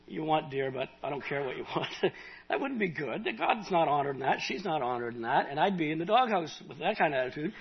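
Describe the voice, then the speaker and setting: Folksy man, husky voice, dull recording. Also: high-pitched. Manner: folksy, halting, restarts a lot, tells personal anecdotes. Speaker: Bible study presenter. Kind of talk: casual talk on a Bible study.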